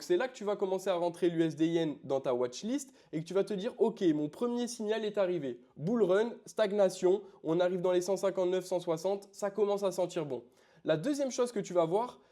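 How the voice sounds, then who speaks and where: A man's voice: high-pitched, warm tone. A man casually explaining a trading strategy to the viewer. He talks informally and often fills his sentences with small filler phrases. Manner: informal, addresses viewer as "tu", many fillers like "du coup"; explains while pointing at charts. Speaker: forex trading educator.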